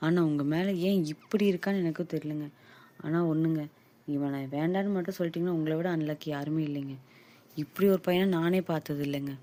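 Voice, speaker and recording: A woman voicing a loyal young male friend who calmly tries to make peace between a couple. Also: deep voice, brisk, close to an everyday voice. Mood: coaxing. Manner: coaxing, earnest, keeps saying sister. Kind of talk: Tamil audio drama acting.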